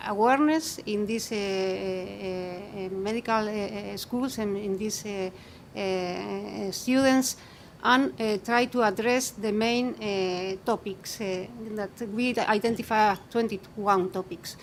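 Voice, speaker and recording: Woman panelist, hesitant and full of fillers, mid-pitched, faint rumble in the room. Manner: halting, many fillers. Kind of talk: panel discussion.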